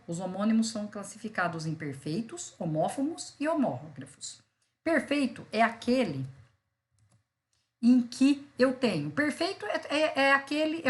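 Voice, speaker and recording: A Brazilian woman lecturing, explaining word meanings through examples and checking in with "né" and "tá". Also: medium pitch. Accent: Brazilian Portuguese. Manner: explains with examples, many fillers like "né" and "tá". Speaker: law school teacher. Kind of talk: online lecture on vocabulary.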